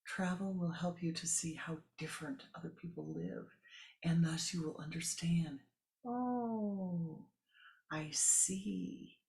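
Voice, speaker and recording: This spiritual teacher gives a sermon in a slow, slightly mellow, rather high male voice. Thinking out loud, he drifts into musing asides and leans on repetition to drive his points home.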